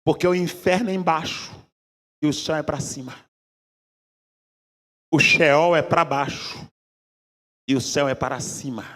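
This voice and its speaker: A male preacher giving a fervent sermon, swinging from low murmurs to impassioned shouting. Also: a little slow, long pauses. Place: church sanctuary. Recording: long church reverb.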